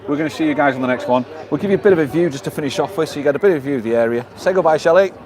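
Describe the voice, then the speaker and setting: Fast-talking man hosting a live stream. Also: on the high side, a crowd in the background. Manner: chatty, reads viewer comments aloud. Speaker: vlogger and live-stream host. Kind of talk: casual live-stream chat. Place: outdoors in a seaside town, then a lounge bar.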